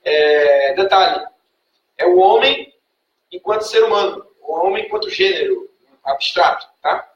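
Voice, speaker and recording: A Brazilian Portuguese-speaking man teaching a class, patiently quizzing students and checking in with a quick "tá?" after each point. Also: high-pitched, recorded from a distance, dull audio, slight background noise. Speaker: Greek language teacher. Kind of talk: classroom lecture. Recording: echoey classroom recorded from afar.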